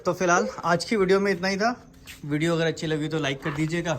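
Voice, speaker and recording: Male vlogger, 30s, soft-spoken father. Narrates casually. Outdoor recording with heavy street noise. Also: fairly high pitch, fairly even intonation, fast talker. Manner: gentle, soft-spoken, explaining to camera. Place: outdoors and in a car, around a campus and market. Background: traffic and street noise.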